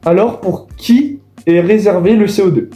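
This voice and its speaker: Talking straight to his viewers, a man acting as a video host gives a relaxed voice-over explanation. He has a high, mellow voice and speaks at normal speed, recorded in an echoey room with faint music behind him.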